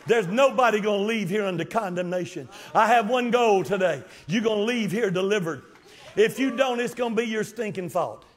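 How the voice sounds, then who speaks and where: High-voiced shouting preacher. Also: male voice. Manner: swings from shouting to low murmurs; sarcastic asides. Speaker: pastor. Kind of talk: Pentecostal preaching. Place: large church sanctuary with balcony.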